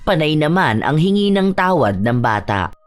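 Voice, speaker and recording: A woman narrating a true horror story in a somber, measured scripted style. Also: low-pitched, big pitch swings.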